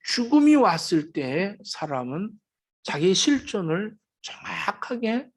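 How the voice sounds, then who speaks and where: A man's voice: high-pitched, sing-song, unhurried, slightly rough. A man preaching a sermon as pastor, dramatic, acting out the quoted words of the dying. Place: church sanctuary.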